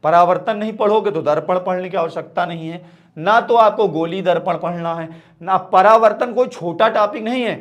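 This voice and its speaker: High-pitched guy teaching physics, direct, keeps saying theek hai. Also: moderate pace, muffled recording. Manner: direct, repeats "ठीक है" and calls students "बेटा". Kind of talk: exam-prep lesson.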